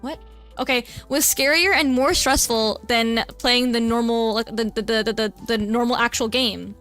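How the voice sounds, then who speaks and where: This VTuber's voice is fairly high and fairly bright, with fairly even intonation and a moderate pace, over soft background music. She chats casually and flusteredly during gameplay, ending her lines with a cutesy "nya".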